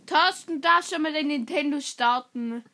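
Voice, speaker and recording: A teasing, excitable young female podcast co-host, telling jokes and sketches. Her voice sits high and rings bright and sharp. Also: measured pace.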